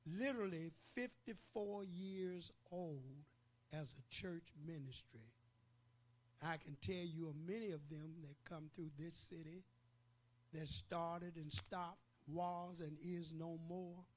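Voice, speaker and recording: An older man preaching a sermon as pastor, emphatic, rising to loud peaks and pausing for effect. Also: high-pitched.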